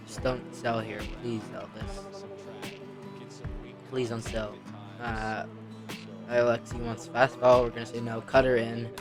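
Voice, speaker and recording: A man giving excitable let's-play commentary on a baseball video game, talking back at the game and pleading with players. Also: medium pitch. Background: background music.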